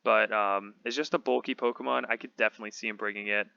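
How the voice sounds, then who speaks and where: A man with a slightly hoarse voice, casually thinking aloud as he talks through a game team build. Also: fairly low pitch, steady tone, fast, bright, forceful tone, no echo, highs cut off. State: slightly hoarse, losing his voice. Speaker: competitive Pokemon channel host.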